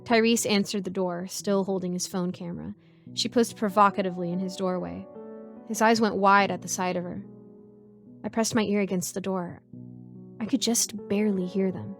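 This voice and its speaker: A woman narrating a first-person horror story in a measured, suspenseful way. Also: mid-range voice, fairly even intonation, creaky, soft background music.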